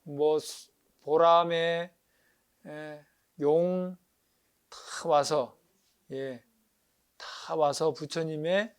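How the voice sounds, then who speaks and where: A man, a Buddhist monk, giving a lively lecture on paintings, acting out sounds and asking his listeners questions. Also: a little high, extremely slow, pauses often, smooth. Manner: animated, acts out crying animals, asks audience questions.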